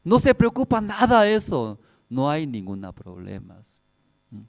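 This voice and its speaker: A man's voice: on the high side, huge pitch swings, a little slow. A man preaching a sermon, telling personal stories in simple, broken Spanish with frequent laughter. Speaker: pastor.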